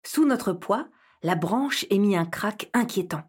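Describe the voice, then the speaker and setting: A woman narrating a children's audio story in the first person, lively and expressive, with a slightly husky voice. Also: mid-range voice, measured pace.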